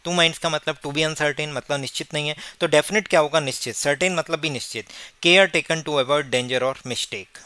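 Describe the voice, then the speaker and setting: Bright, clear-voiced male exam tutor. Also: a little high, no echo. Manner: explanatory, mixing English definitions into Hindi. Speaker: exam-prep teacher. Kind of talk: explaining vocabulary.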